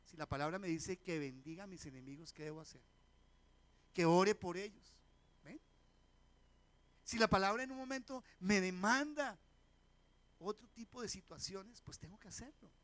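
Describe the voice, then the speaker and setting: A man's voice: high voice, moderate pace, long pauses, a bit bright, dry recording. A man, a pastor preaching a sermon in church, who questions the congregation and acts out the voices of people in his stories. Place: church sanctuary.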